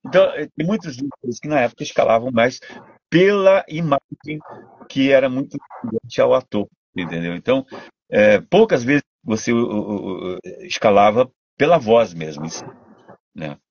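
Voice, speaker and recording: An older man with a Brazilian Portuguese accent, a voice actor and dubbing director telling stories in a casual interview, animated and full of restarts. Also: medium pitch, normal speed, gravelly, breathy edge, no room sound, lo-fi sound. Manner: animated storytelling, many restarts.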